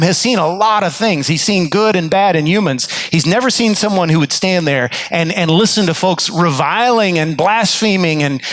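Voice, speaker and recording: A man's voice: a little high, fairly bright tone, dry recording, rough recording. A man preaching a sermon as the church's pastor, telling the story earnestly and voicing what the characters think, with frequent restarts and repeated words. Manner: earnest storytelling, voices inner thoughts of characters.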